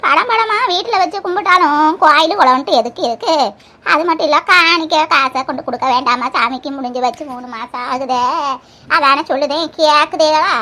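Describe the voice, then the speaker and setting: Lady doing a grumbly old cartoon granny, slow and lowered but still bright. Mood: complaining. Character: fussy old grandmother, devout and tired. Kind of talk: cartoon voice acting.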